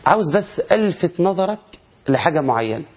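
Egyptian-accented male tajweed teacher, fast and animated, self-questioning delivery, slightly muffled lo-fi recording. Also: high-pitched. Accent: Egyptian Arabic. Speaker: Quran recitation teacher. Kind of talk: colloquial recitation lesson.

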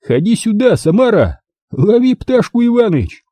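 A man's voice: sits high, very animated, normal speed, dark tone, no echo, pitched above the performer's own voice. A man voicing a brash, swaggering male detective partner who bullies with mocking threats, in an audiobook reading. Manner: mocking, menacing bluster.

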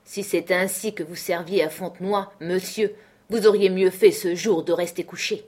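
A woman's voice: lowish voice, fairly even intonation, moderate pace, a little mellow, slightly rough. A woman voicing a stern, commanding male sea captain in a read-aloud novel. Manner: firm, commanding, reproachful. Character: stern commanding ship captain, man, unyielding.

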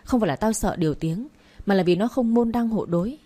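A woman's voice: mid-range voice, a little fast, dark tone, natural voice. A woman reading the part of a stern, harsh-tempered old rural father who scolds his son. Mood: scolding. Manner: scolding, curt.

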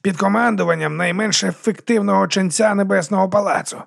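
A man's voice: sits high, brisk, gravelly, pitched above the performer's own voice, exaggerated voice. A man voicing a sardonic, grumbling necromancer in an audiobook. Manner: sarcastic, grumbling.

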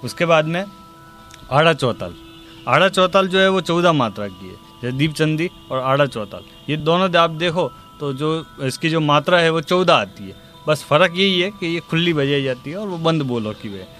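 Male tabla teacher, patient lesson delivery with slow recited drum syllables, slightly high voice, faint tabla under the speech. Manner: explains calmly, then slowly recites tabla syllables. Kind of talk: spoken music lesson. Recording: tabla music in background. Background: tabla playing.

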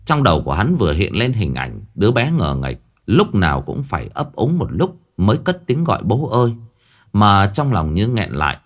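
Man, horror story narration, low voice, lively intonation, expressive colloquial telling. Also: moderate pace.

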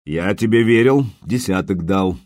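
A man voicing a stern older prince who speaks quietly, coldly and menacingly while passing judgment. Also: low voice, measured pace, no room sound. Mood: reproachful.

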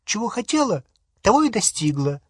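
A tense, bossy schoolgirl witch, put on by a male reader, her voice lifted high and fussy. She sounds husky and close, in a dry recording. Her worry shows in a clipped, fretful manner. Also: slow pace, dry recording. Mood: snappish. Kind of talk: audiobook character voice.

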